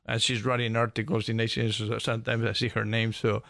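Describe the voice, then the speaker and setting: Older Spanish-accented male radio guest, gravelly, halting, dry close sound. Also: mid-range voice, little pitch movement, fairly bright tone, no echo. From Spain. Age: 60s. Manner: halting, searches for words, many restarts. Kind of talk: casual radio conversation.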